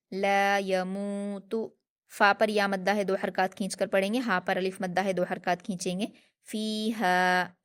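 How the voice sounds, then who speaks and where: A woman teaching Quran recitation in an online lesson, calmly explaining each letter and drawing out the practice words slowly. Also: medium pitch. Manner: calm, methodical explanations, drawn-out slow recited words.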